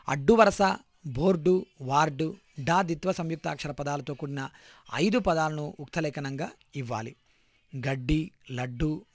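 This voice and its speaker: A man's voice: a little high, dry recording. Man reading a lesson plan, dry. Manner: measured, list-like reading. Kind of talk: read-aloud lesson plan.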